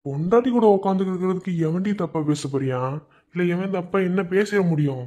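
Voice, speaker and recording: Husky, dark-voiced army husband, Madurai Tamil. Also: male voice, high voice, a little fast. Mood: tender. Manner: gentle, coaxing, reassuring. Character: young army husband, steady and loving. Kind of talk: cartoon voice acting.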